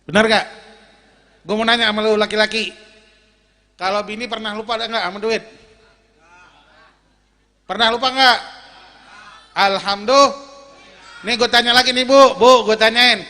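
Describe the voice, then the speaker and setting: High bright-voiced preacher. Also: male voice, normal speed, long pauses. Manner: lively, jokey, swings from shouting to low storytelling. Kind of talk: sermon at a religious gathering. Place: large outdoor or hall gathering. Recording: reverberant PA in a big space.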